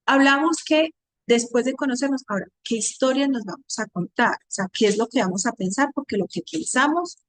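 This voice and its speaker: A woman's voice: sits high, a little fast, fairly bright tone, dry recording. A woman psychologist teaching a session on emotional intelligence, who explains by asking questions and coming back to simple everyday examples.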